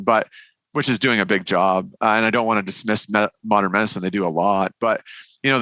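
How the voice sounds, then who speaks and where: Bright-voiced man talking through clenched teeth. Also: lowish voice, no echo, low-quality recording. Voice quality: talks through clenched teeth with little mouth movement. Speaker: podcast guest. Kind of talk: casual conversational storytelling.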